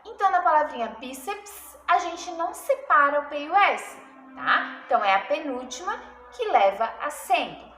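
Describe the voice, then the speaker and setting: Lively high-voiced teacher in an echoey room. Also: female voice. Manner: explains slowly with many rhetorical questions to the class. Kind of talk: recorded remote class lesson, story reading. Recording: echoey room with faint background noise.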